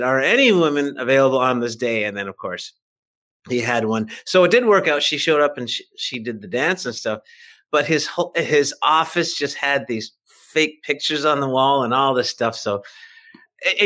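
A pushed, bright, medium-pitched voice belongs to an older or middle-aged fiction writer on a podcast. Casual and self-mocking, he recounts anecdotes.

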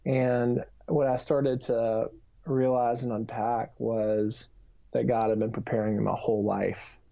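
A man's voice: mid-range voice, flat delivery, measured pace, vocal fry, mellow. A man in his thirties gives an earnest, reflective personal testimony in an interview, with frequent fillers. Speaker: author and youth minister. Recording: dull lo-fi recording.

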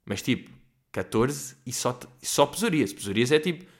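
A man's voice: lively intonation, normal speed. Profane ranting man with a Lisbon-style accent. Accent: European Portuguese. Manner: profane, digressive, mixes in English phrases; swings from loud exclamations to low mutters. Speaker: podcast host. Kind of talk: rambling comedic solo podcast rant. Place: at home in quarantine.

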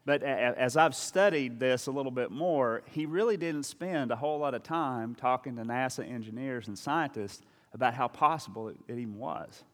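A man's voice: medium pitch, moderate pace, few pauses, fairly bright tone, long reverb tail. A man preaching a sermon as a pastor, talking in a conversational, storytelling way with frequent asides and restarts.

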